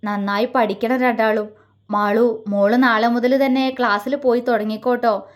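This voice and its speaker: Woman voicing a gentle teasing elder brother. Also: fairly high pitch, steady tone, normal speed, lightly acted. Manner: gentle, reassuring, lightly teasing.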